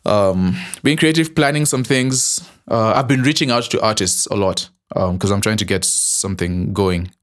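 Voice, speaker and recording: Low-voiced young man joking on a podcast. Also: moderate pace, few pauses. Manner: teasing, joking, with frequent fillers and restarts. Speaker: podcast co-host. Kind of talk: casual podcast chat.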